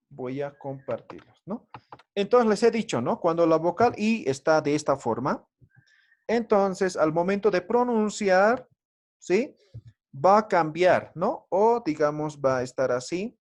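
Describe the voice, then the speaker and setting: A man teaching a language lesson in an online class, patient and explanatory, often checking in with his students with short tag questions. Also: high-pitched. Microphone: video call.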